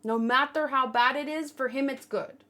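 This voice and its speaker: This host of a manga read-along channel speaks with a high, sharp-toned voice at a normal speed. Her commentary is loose and casual, full of musing out loud and questioning her own thoughts.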